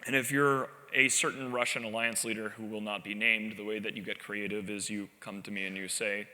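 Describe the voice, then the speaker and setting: A man gives a brisk live conference talk in a large hall, telling anecdotes in an animated, wry style with self-deprecating asides. His voice is on the low side yet very bright and sharp. The stage microphone captures the room's long reverb.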